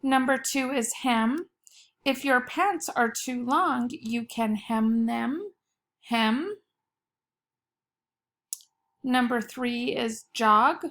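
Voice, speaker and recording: Slow, careful woman teacher with creaky voice. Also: a little high, fairly bright tone. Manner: slow, careful dictation with words set apart and repeated. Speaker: elementary school teacher. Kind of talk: dictating a spelling test.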